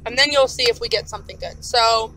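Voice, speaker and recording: Woman vlogger in a car, bright high voice, eating while she talks, bit of noise. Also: fast, poor audio. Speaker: vlogger host. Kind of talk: casual vlog chat. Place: inside a car on the road.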